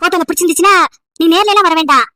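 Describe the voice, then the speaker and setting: A woman's voice: very high-pitched, rapid-fire, pushed and bright, dry recording, studio quality. A woman voicing a nagging, emotional old village grandmother over 70 who scolds and pleads at length. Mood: pleading. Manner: scolding, pleading, wailing complaints.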